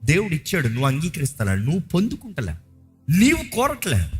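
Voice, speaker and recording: A man's voice: a little high, huge pitch swings, a little fast, faint music behind. A man with a Telugu accent preaching a sermon as a pastor, emphatic, slipping English phrases into his preaching.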